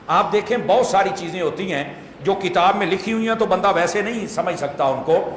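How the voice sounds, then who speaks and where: A man's voice: high-pitched, fairly bright tone, a little hiss or hum. A man preaching to a seated congregation, explaining patiently and asking them rhetorical questions. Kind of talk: sermon. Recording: echoey hall with faint ambience.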